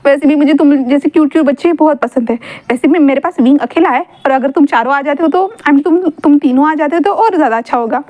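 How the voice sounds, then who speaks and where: A woman's voice: high-pitched, fast talker, hardly any pauses, lo-fi sound, lightly acted. A woman voicing a fussy, affectionate middle-aged mother who dotes and repeats herself. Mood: doting. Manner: doting, chattering, repeats herself.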